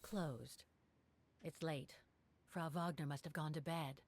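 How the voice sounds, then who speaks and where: An actress playing a quiet, resigned adventure heroine in a video game. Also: female voice, sits low, fairly even intonation, takes it slowly, a little hiss or hum. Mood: subdued, resigned.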